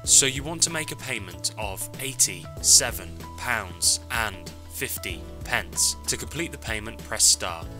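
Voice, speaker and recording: A man's recorded automated phone payment prompts, measured and instructional, telling the caller which keys to press. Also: lowish voice, animated. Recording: clear background music.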